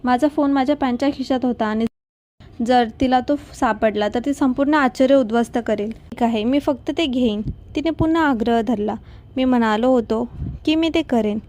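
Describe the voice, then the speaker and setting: A woman reads a romantic story aloud in a steady, even narration. Her voice sits fairly high with a soft, mellow tone. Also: brisk.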